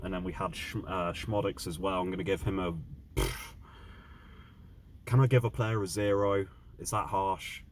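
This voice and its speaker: A man's voice: deep voice, a little hiss or hum. A young man giving an exasperated, blunt and emphatic fan's review of a football match, rating players for his viewers.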